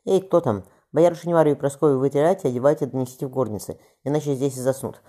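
Man doing a bossy cheerful noble mother, fast-talking, dark tone. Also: mid-range voice, lightly acted. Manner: brisk, bossy with servants. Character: lively noblewoman mother of many.

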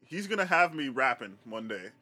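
A man's voice: mid-range voice, very animated, normal speed, bright, forceful tone. A man hosting a podcast, chatting about music in enthusiastic, slangy banter. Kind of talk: casual chat.

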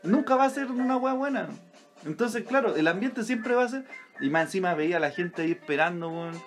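A man's voice: high-pitched, lively intonation, brisk, faint music behind. A man with a Chilean accent co-hosting a podcast, rambling through anecdotes in casual chat, full of slang and swearing. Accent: Chilean Spanish. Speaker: podcast co-host.

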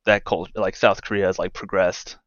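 A man of around thirty, a games news editor, is the guest in a casual interview, talking in a wry, rambling manner full of "uh" and "like." His deep voice barely moves in pitch, keeps a moderate pace, and comes through with dull audio and no room sound.

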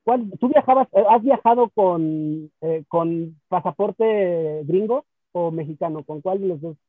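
A man hosting an interview, asking thoughtful, measured questions. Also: high voice, dry recording. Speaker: host. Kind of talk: interview conversation. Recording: tinny phone-like sound, dry.

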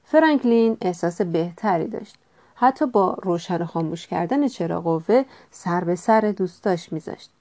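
A woman reading a children's storybook aloud with gentle, expressive narration. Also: fairly low pitch.

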